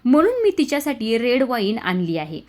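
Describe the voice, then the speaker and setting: A woman's voice: on the high side, wildly swooping pitch, moderate pace, a little mellow, pitched above the performer's own voice. A woman voicing an insistent, needling older aunt in a retold family serial. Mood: pushy. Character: nosy older woman pushing wine on a guest.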